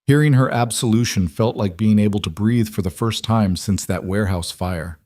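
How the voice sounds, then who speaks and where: A man narrating a romance story in a measured, even way. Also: on the low side, no room sound, clean studio sound. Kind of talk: scripted narration.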